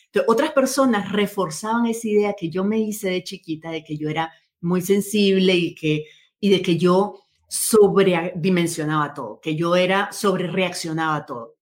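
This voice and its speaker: A woman's voice: lowish voice, moderate pace. A woman being interviewed, speaking in an earnest, thoughtful way and often correcting herself mid-sentence. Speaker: interview guest. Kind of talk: conversational interview.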